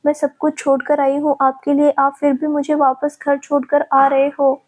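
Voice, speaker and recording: A woman's voice: high voice, monotone, moderate pace, close to an everyday voice. A woman voicing a frightened young woman who pleads anxiously through tears. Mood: tearful.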